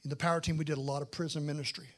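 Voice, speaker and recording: Middle-aged male preacher, fairly high voice, dramatic storyteller, loud-to-hushed sermon delivery. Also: rapid-fire. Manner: animated, swings from loud bursts to hushed low lines. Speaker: guest preacher.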